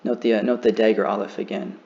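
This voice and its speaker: Low-voiced man teaching slowly. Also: fairly even intonation, vocal fry, dark tone, lo-fi sound. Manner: slow, careful demonstration of pronunciation. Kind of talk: beginner lesson.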